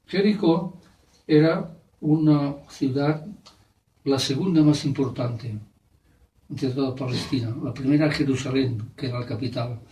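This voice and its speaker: A priest giving a sermon, retelling a gospel story in simple words with frequent fillers and restarts. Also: male voice, mid-range voice, measured pace, pauses often, mellow. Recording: echoey church from far off.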